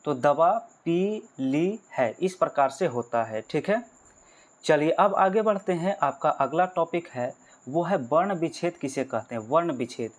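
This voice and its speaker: A male teacher giving an exam-prep grammar lesson. He explains step by step, asks and answers his own questions and calls his viewers friends. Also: fairly high pitch.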